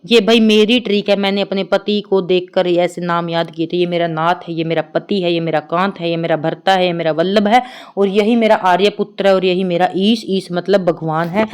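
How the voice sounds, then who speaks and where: Smooth-voiced woman teaching a grammar class. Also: on the low side, fairly even intonation. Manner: chatty, repeats "ठीक है" often; lists words in quick runs. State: tired. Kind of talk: online exam-prep lesson.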